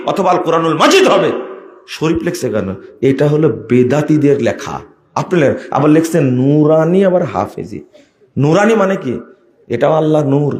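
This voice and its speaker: A man preaching an impassioned sermon, often shouting and scolding his listeners. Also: on the high side, very animated, fairly quick, roomy sound. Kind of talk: fiery sermon.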